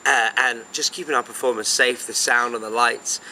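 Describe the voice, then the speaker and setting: A man's voice: medium pitch, fairly even intonation, moderate pace, bright, forceful tone, slight background noise, low-quality recording. A man speaking as a cruise director, giving upbeat, enthusiastic answers in a casual interview.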